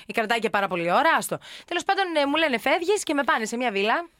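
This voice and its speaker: A young woman with a fairly high voice, chatting on a podcast. She tells her story in a lively way and laughs easily. The recording is close and dry. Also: dry recording. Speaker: podcast co-host. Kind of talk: casual chat.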